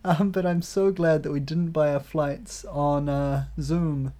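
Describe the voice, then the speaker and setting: A woman with a New Zealand accent co-hosting a travel podcast, upbeat and quick to laugh. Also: low-pitched, steady tone, mellow. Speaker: podcast co-host. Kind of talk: casual review chat.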